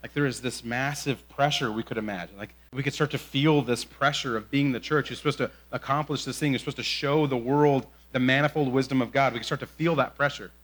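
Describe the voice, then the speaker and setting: A young adult man preaching a sermon in a conversational way, often asking "right?", moving between quick asides and slow, drawn-out emphasis. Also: mid-range voice, fairly even intonation, fairly bright tone. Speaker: pastor.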